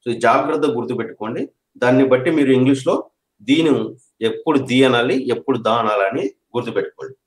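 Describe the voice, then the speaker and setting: A man's voice: medium pitch, quick pace. A man teaching an English grammar lesson, repeating each point and checking that his students understand. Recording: echoey room.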